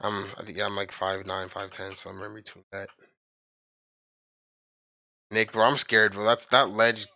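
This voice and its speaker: A man's voice: on the low side, little pitch movement, normal speed, creaky, pauses often, pushed and bright, dry recording, dull audio. A young man chatting casually with friends during a game stream, rambling with lots of filler and calling them bro. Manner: rambling, filler-heavy, says "bro" and "like" a lot. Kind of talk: casual gaming chat.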